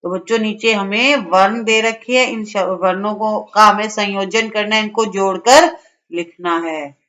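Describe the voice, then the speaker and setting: Woman, patient school lesson, very slow, repeats each word for kids. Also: medium pitch, fairly even intonation, a bit bright, lo-fi sound. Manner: addresses children often, repeats terms slowly. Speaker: teacher.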